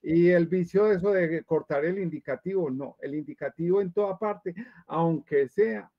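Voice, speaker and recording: A man's voice: a little high, normal speed. A man making an emphatic comment in a group discussion, repeating words to stress them. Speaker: participant. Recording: dull lo-fi sound.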